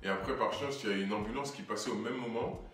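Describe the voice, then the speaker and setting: A man's voice: fairly low pitch, fast, a crowd in the background. A young man chatting casually and chiming in with his side of the story. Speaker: guest, partner of the host. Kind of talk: casual chat. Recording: echoey room, distant mic, noisy.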